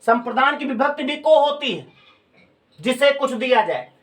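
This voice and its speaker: A man's voice: very high voice, lively intonation, normal speed, fairly bright tone. A male teacher giving a grammar lecture, explaining step by step and asking students questions. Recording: voice from a distance off the mic.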